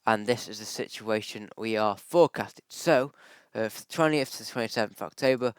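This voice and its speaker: A weather forecaster with a bad cold, his lowish voice clear and resonant yet a little off, chats casually through screen-shared charts in a forecast vlog. He is chatty and thinks aloud, with lots of ums and likes. There is no room sound.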